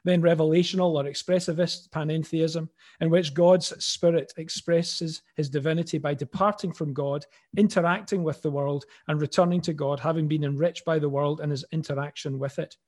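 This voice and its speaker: A Scottish man with a clear Glaswegian accent presents as an academic speaker. His voice sits a little higher than most men's, in the manner of someone delivering a paper to colleagues. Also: steady tone, moderate pace, darkish tone. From Scotland. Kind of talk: reading an academic paper, with informal opening remarks.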